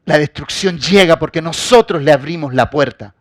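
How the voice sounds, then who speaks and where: A man preaching a sermon as pastor. He addresses the congregation directly and swings between loud, forceful emphasis and quiet asides. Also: a little high, normal speed, dry recording, studio quality.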